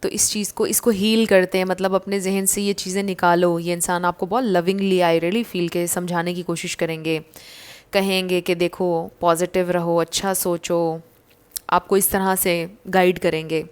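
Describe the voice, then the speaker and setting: A woman giving a casual tarot reading to her viewers, gentle and reassuring, slipping English phrases into her talk. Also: on the low side, flat delivery, normal speed, hardly any pauses, clear, resonant tone. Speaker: tarot card reader.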